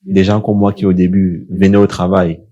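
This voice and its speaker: A young man with a Cameroonian accent speaks in a low, dark, mellow voice. He co-hosts a relaxed podcast and tells his own story with animation and frequent laughter. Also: moderate pace, lo-fi sound. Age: young adult. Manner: lively storytelling, laughs often. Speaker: podcast co-host. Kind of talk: casual podcast conversation.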